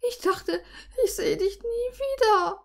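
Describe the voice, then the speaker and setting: A woman voicing a young emotional heroine in a fan fiction reading, raising her voice high and pleading. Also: expressive, a little slow. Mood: relieved, tearful.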